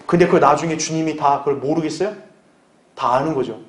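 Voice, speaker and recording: A man's voice: a little high, fairly quick, roomy sound, a little hiss or hum. A male pastor giving a conversational sermon, asking the congregation questions and acting out short dialogues. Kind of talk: sermon, Bible exposition.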